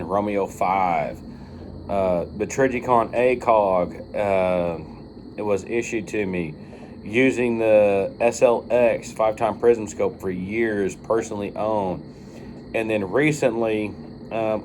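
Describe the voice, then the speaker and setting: A man's voice: on the low side, darkish tone, a little hiss or hum. A man talking casually off the cuff to viewers as a video reviewer, rambling and informal with some swearing. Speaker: video reviewer of firearm optics. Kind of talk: casual unscripted monologue to viewers.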